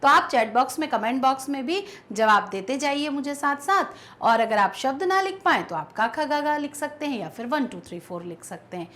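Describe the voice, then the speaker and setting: A woman's voice: high-pitched, animated, fairly bright tone. A woman teaching an online grammar lesson, patiently drawing out each example word. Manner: patient, drawn-out pronunciation of example words.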